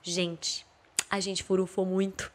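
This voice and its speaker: A young Brazilian woman with a mineiro accent, a podcast guest telling a story in an animated way, laughing and acting out quotes. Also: mid-range voice, slow pace, a loud crowd. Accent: Brazilian Portuguese, mineiro. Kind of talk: casual storytelling chat.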